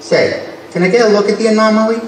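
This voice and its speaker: A man's voice: high voice, fast talker, a little hiss or hum, natural voice. A man playing a weary, wisecracking male space professor with dry, sardonic quips, performed live on a convention stage. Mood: chatty. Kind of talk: live stage radio-play acting. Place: large convention hall stage. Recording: echoey hall, distant mic.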